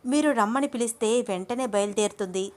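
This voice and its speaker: A woman doing a calm advising young woman. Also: fairly high pitch, brisk, lightly acted.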